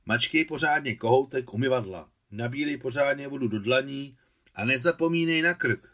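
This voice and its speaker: A man's voice: medium pitch, fairly bright tone, voice pushed up, natural voice. A man reading aloud who voices a firm, caring village aunt who gives orders. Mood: bossy. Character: brisk warm-hearted village aunt, woman.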